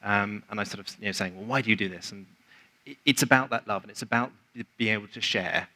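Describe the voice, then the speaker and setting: A man with a lowish, steady, sharp voice speaks quickly in a low-quality recording. He is a conference speaker giving a conversational, explanatory presentation at the venue, acting out quoted remarks in asides.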